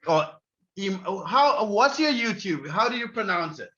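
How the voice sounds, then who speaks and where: A man's voice: sits high, very animated, unhurried, sharp tone, muffled recording. A man hosting a casual online interview, talking in a chatty, rambling way. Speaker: interview host.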